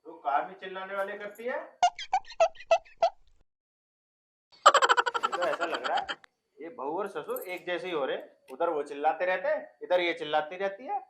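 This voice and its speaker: An actor playing a hot-tempered young village husband, who scolds loudly and shouts in exasperation. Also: male voice, high-pitched, very animated, fairly quick, gravelly, a little hiss or hum, exaggerated voice. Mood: grumbling. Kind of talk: rural comedy film acting.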